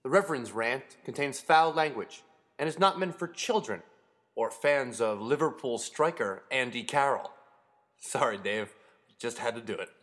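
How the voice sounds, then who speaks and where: A man's voice: mid-range voice, normal speed, a bit bright. A man hosting an improvised radio show, introducing segments casually. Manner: informal, conversational.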